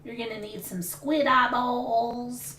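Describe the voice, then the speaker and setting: A woman chatting casually as a co-player, dropping slow, laid-back side remarks. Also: fairly high pitch, steady tone, sharp tone, slight background noise. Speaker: co-player in a game stream. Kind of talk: casual chat. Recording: echoey, distant voice chat.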